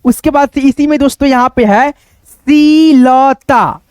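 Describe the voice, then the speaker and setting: A man teaching Hindi reading online, breaking hard words into syllables and repeating them slowly, often calling the viewers friends. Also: very high-pitched, darkish tone, no room sound. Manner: addresses viewers as friends with frequent fillers.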